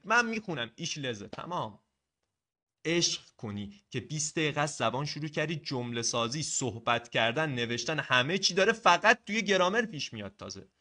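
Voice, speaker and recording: A young man teaching a German grammar lesson in a casual, energetic way, coaching the viewer directly and urging them to practice. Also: medium pitch. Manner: energetic, coaxing, talks straight to the learner. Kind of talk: casual video language lesson.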